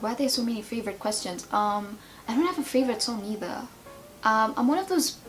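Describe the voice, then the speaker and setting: A woman in her twenties chatting casually in a tag video, rambling and playful as she answers questions. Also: mid-range voice. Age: 20s. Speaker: beauty and lifestyle vlogger.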